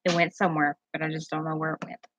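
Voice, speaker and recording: Here the streamer and tarot reader speaks in a low voice with little pitch movement, talking fast over a noisy background. She addresses her live-stream audience casually from her bedroom at home, pets nearby, somewhat nervous, rambling and frequently losing her train of thought.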